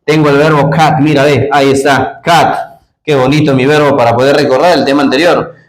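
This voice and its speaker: A man's voice: mid-range voice, fairly even intonation, fairly quick. A man teaching English grammar, explaining in Spanish and asking his students questions. He spells out endings letter by letter. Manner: explains in Spanish, asks the class many questions. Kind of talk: classroom-style grammar lesson. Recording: echoey room.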